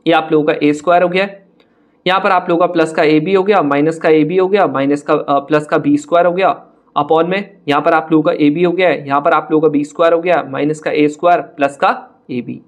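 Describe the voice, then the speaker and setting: High-voiced chatty maths tutor, man. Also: fairly even intonation. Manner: brisk, chatty, addresses students directly, mocks hard-looking questions. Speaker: maths teacher. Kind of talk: online exam-prep lesson.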